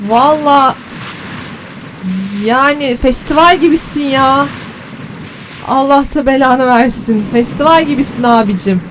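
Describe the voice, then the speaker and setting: A woman hosting a gaming channel, giving let's play commentary as she swears and bickers at the creatures on screen, switching to teasing mock flattery. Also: a little high, a little hiss or hum. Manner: exasperated, cursing and bantering at the game's creatures.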